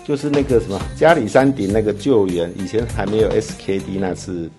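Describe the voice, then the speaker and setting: A man's voice: lowish voice, brisk. A middle-aged man with a Taiwanese Mandarin accent chatting casually as an interview guest, offhand and blunt. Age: middle-aged or older. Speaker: guest, volunteer firefighter. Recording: music playing behind the talk.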